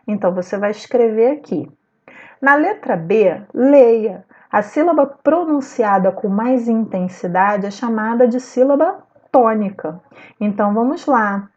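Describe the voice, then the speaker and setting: A woman's voice: mid-range voice, darkish tone, dull audio. A woman teacher giving a recorded video lesson, walking patiently through textbook exercises and often checking in with her students. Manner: frequent checking fillers like "né" and "tá".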